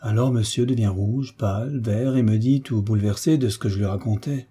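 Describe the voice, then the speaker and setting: A man's voice: fairly low pitch, fairly quick, warm tone, husky. A man voicing a fussy, talkative middle-aged male landlord who speaks emphatically, in a folksy way, for an audiobook. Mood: chatty.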